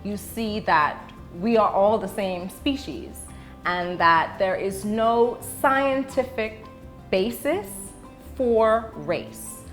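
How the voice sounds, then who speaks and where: She is a middle-aged educator from the Bahamas and the UK, giving interview explanations in carefully chosen words broken by pauses. Her voice is mid-range and a bit bright.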